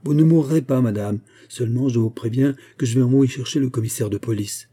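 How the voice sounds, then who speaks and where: A man's voice: medium pitch, a little fast, husky, close to an everyday voice. A man doing a cold composed store manager. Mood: cold formal. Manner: calm, cool, formal.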